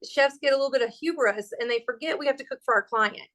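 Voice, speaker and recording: A high-pitched woman in her forties talks as a guest chef in a relaxed interview. She is lively and chatty, and she jokes a lot as she explains her approach. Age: 40s. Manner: animated, chatty, quick to joke. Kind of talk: casual interview chat.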